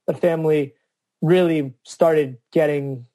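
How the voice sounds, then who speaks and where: Earnest man with a mellow voice. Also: on the high side, fairly even intonation, takes it slowly, no room sound. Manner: earnest, reflective. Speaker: podcast guest, advocate. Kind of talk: casual interview chat.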